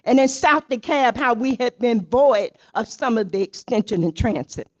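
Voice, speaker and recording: A woman's voice: a little high, expressive, normal speed. Older lady giving an emotional thank-you speech, off the cuff, kinda muffled sound. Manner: emotional, off the cuff, rising to rousing emphasis. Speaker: award honoree giving acceptance speech. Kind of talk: heartfelt acceptance speech. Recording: dull, muffled recording.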